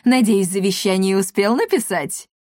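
A woman's voice: medium pitch, normal speed, a little mellow, no room sound, clean studio sound, close to an everyday voice. A woman voicing a nasty, scheming old male apothecary who sneers and threatens in an audiobook. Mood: sneering.

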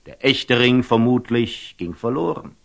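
An actor playing a wise, calm merchant and eloquent storyteller in a classical radio drama, speaking with rhetorical, deliberate emphasis. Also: male voice, medium pitch, vocal fry. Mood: solemn, admonishing. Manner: rhetorical, deliberate, with emphatic rises and hushed drops.

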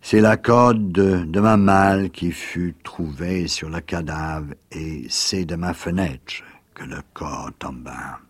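A man's voice: low voice, takes it slowly, breathy edge, no echo, clean studio sound, full character voice. A man voicing a huge, worn-out male secretary who makes blunt, heavy confessions in a read-aloud story. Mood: grave.

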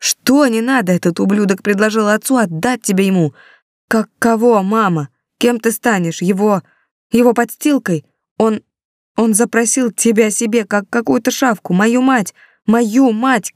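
Woman reading betrayed teenage son, high strained voice, dry close audiobook. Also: quick pace, few pauses, darkish tone, no echo, natural voice. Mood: anguished fury.

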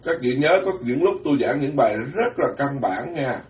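A man, a Buddhist monk giving a dharma talk in a blunt, plain-spoken way, alternating quick asides with slow, weighty phrases. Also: medium pitch, animated, darkish tone. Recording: roomy, distant mic.

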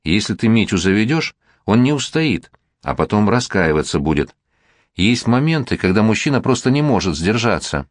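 A man's voice: fairly low pitch, very animated, moderate pace, dry recording, studio quality. A man reading Marina, an exasperated scolding mother. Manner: stern, reproachful, sharp-tongued. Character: exasperated middle-aged mother scolding her teenage daughter. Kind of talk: audiobook character reading.

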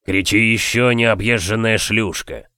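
A domineering husband who gives his orders slowly and deliberately, his words stretched out, as a male narrator puts him on. The voice sits fairly low. The recording is close and dry, with no room sound at all. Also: sharp tone, no room sound. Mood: harsh. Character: domineering commanding husband, adult man.

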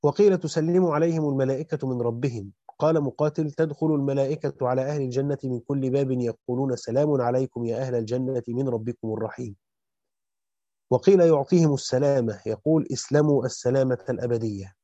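Fast-reading man, dark dull recording. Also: medium pitch, dry recording. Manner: fast and even, with quick self-corrections. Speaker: reader of Quran commentary. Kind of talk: rapid scholarly reading aloud.

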